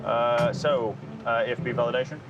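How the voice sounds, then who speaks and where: A man's voice: mid-range voice, little pitch movement, moderate pace, lo-fi sound, over music. A young man with a Yorkshire accent, an airline first officer chatting candidly and poking fun at himself. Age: young adult. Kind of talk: candid casual chat.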